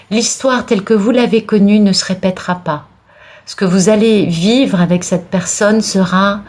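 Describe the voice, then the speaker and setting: A tarot reader with a cold, sneezing now and then, gives a card reading for viewers in a medium-pitched, slightly mellow voice. She's encouraging but often restarts and repeats words.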